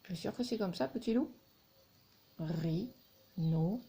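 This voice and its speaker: A woman teacher giving a recorded lesson to young children, speaking deliberately and spelling out letters and syllables one by one. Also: a little high, mellow, breathy edge.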